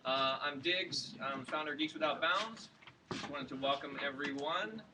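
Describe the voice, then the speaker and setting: A man's voice: fairly high pitch, normal speed. A man from Florida hosting and opening a live tech event, talking loosely with many fillers. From Orlando, Florida. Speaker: event host and organizer. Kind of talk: welcoming a live event crowd. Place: large indoor event room. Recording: distant room mic with background noise.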